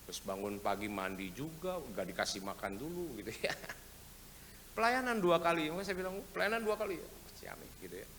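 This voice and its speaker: A man with an East lilt preaching a sermon as pastor, telling stories with humor and acting out the people in them. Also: mid-range voice. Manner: humorous, lively storytelling with acted quotes. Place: church sanctuary. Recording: reverberant church hall with faint noise.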